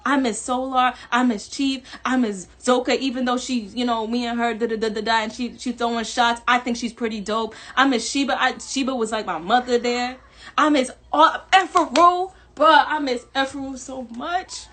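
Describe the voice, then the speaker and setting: Steady, fairly bright and fairly high-pitched, her voice moves at normal speed. She is a New Yorker with Jamaican family roots and a Jamaican-American accent, giving viewers a candid, emphatic monologue full of repetition and laughter between points.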